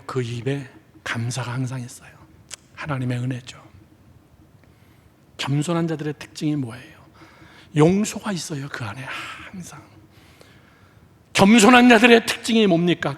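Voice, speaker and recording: A man preaching a sermon as pastor, dramatic, swinging between loud exclamations and hushed whispers and leading the congregation in call and response. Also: on the high side, normal speed, long pauses, long reverb tail. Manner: acts out quoted speech of biblical characters. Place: church sanctuary.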